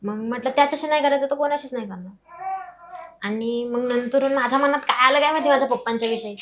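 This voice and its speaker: Appearing as an interview guest, a young woman tells her life story fast and emotionally, acting out the voices of her family members. Her voice is high-pitched and a bit bright, with a little hiss or hum on the recording.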